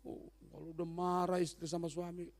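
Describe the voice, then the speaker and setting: A male pastor delivering a humorous, animated sermon and often quizzing the congregation. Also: high-pitched, fairly quick.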